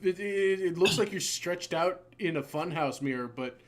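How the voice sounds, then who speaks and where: A male game master with a voice pitched a little high for a man. He talks excitably, swears freely and trips over his own words as he narrates a tabletop session. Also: normal speed.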